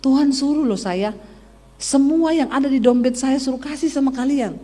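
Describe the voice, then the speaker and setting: A man's voice: extremely high pitch, normal speed, mellow, long reverb tail. A woman preacher quoting a generous, insistent rich businessman who keeps telling the listener to wait. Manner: insistent, repeats "tunggu, tunggu".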